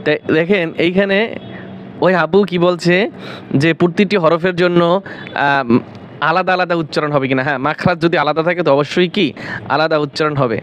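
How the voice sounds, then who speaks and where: A man with a Bangladeshi Bengali accent teaching Quran recitation, spelling out letters syllable by syllable and drawing recited words out slowly, often asking and answering his own questions. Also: fairly high pitch, steady tone, a bit bright, slight background noise. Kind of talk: slow spelling-out Quran lesson.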